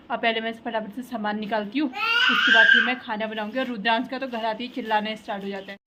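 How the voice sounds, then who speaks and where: Fast-chatting Uttarakhandi woman vlogger. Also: fairly high pitch, noisy background. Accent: Uttarakhandi Hindi. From Uttarakhand, India. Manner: chatty, rambling, filler "na" throughout. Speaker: family vlogger. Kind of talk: casual vlog narration. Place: outdoors in traffic and at home.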